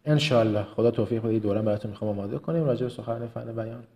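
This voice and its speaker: A man's voice: mid-range voice, mellow. Emphatic man with a slight Kermani accent. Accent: slight Kermani Persian. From Kerman, Iran. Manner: emphatic, repeats words for stress, rattles off quick lists. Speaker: business and public speaking trainer. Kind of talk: motivational business lesson.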